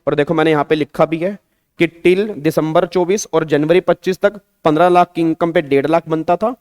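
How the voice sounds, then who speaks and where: A man's voice: fairly high pitch, fairly even intonation, brisk, darkish tone, clean tone, no room sound. A man with an Indian accent giving an online exam-prep tax lecture, coaxing students and repeating his questions, mixing Hindi with English terms. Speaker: tax teacher.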